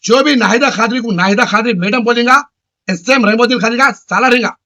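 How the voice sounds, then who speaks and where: A man rants straight at the camera. His voice sits high and bright, and he hammers the same phrases over and over in short, loud bursts. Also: brisk. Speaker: local news channel chairman. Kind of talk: ranting address to camera.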